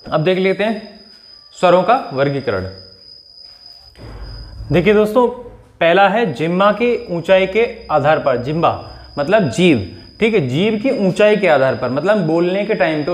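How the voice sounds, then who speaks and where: Man teaching, drawn-out vowel demonstrations. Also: on the high side. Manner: explanatory, checks in often, drawn-out vowel demonstrations. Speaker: Hindi teacher. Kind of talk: exam-prep grammar lesson.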